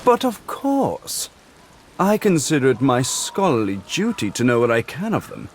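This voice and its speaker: A scheming scholar noble. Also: male voice, mid-range voice, huge pitch swings, slight background noise. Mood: eager. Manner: measured, grandiose speech. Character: scheming scholarly male noble, smooth and persuasive. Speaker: game character. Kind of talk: video game voice acting. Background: faint game music.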